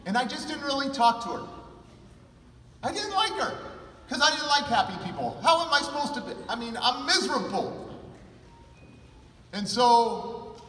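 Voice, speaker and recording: Keynote man from California, high bright voice, emotive storytelling, heard from a distance in a reverberant hall. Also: sing-song, normal speed, long pauses. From California, USA. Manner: emotive, shifts from hushed to loud for emphasis. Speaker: conference keynote speaker. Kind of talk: personal storytelling talk. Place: large hall with an audience. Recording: echoey hall, mic at a distance.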